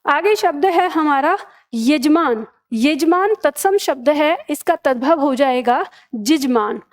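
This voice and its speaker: A woman's voice: high-pitched, animated, takes it slowly. A woman teaching a Hindi grammar lesson for exam preparation, patiently explaining and repeating each word pair.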